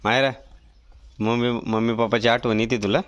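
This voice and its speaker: A man's voice: mid-range voice, little pitch movement, brisk, fairly bright tone. A man vlogging outdoors in a village near water, chatting casually and teasing on a handheld phone. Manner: playful, teasing. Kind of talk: casual vlog chat.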